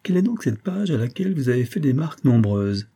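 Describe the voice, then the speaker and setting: A man's voice: mid-range voice, very animated, fast talker, dark tone, voice pushed up. Man voicing a carefree, teasing young officer. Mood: playful. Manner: playful and teasing. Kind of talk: audiobook character voice.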